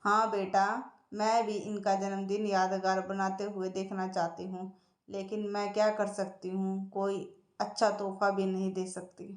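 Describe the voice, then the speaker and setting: A woman voicing a gentle, trusting elderly mother who speaks softly and hesitantly, in a storybook reading. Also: medium pitch, completely flat delivery, measured pace, lightly acted. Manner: soft, pleading, hesitant. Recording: echoey room.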